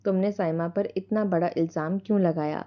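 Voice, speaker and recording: A woman's voice: fairly low pitch, steady tone, lo-fi sound, close to an everyday voice. A woman voicing a stern angry brother. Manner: harsh, scolding. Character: stern angry adult brother, protective of sister.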